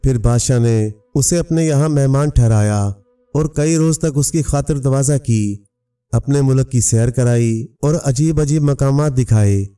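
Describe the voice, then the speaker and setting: A man narrating a fairy tale in a measured, even storybook reading. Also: medium pitch, clear, resonant tone. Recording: distant mic, faint music.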